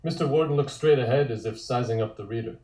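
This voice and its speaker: A man with a mid-range, mellow voice reads scripted stage directions at a fast clip for a table read, dropping in dry, wry asides. He's in an indoor room on a multistream call, and the home recording sounds roomy and echoey.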